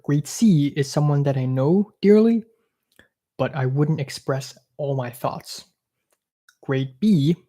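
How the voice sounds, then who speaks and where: On a casual livestream, a young Hong Kong man with an American accent answers viewer questions with blunt, self-mocking remarks. His voice is mellow and sits at a medium pitch.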